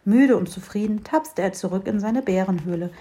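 A woman calmly reading a children's Christmas story aloud. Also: medium pitch, moderate pace, noisy background.

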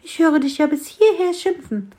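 A woman's voice: high voice, expressive, normal speed, voice pushed up. Woman doing a kind little fir tree. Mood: friendly. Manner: gentle, teasing.

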